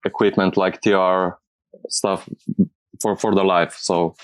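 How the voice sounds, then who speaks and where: Male interviewee, non-native English speaker, low-pitched and fairly even, halting delivery, dry close sound. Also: dry recording, poor audio. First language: not English. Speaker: music producer being interviewed. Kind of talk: casual interview answers.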